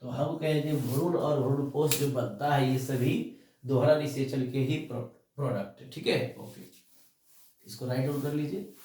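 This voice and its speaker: A man teaching biology, dictating notes and repeating key terms slowly while asking and answering his own questions. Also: medium pitch, fairly even intonation, mellow, slight background noise. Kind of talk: classroom lecture, dictating notes. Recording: echoey room, mic at a distance.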